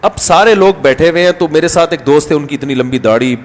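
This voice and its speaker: Guy preacher chatting through stories, acts out the other people, lots of hall reverb. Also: a little high. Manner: conversational, anecdotal, acts out voices in stories. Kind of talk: storytelling religious talk.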